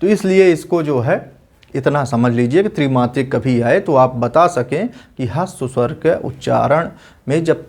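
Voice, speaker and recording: A male teacher giving an exam-prep lesson, explaining patiently and repeating definitions slowly so students can write them down. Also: mid-range voice, a little mellow.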